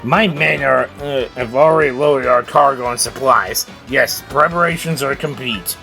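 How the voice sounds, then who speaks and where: Man putting on a pompous, excitable merchant seafarer. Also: medium pitch, moderate pace, gravelly, music in the background, natural voice. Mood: pleased, pompous. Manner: grandiose, theatrical.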